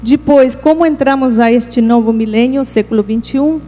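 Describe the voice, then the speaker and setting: An education program director gives a conference talk in a warm, fairly high voice with an Argentine Spanish accent, Spanish being her first language. She is measured and earnest and pauses mid-phrase. The hall is reverberant, with mains hum and soft music in the background.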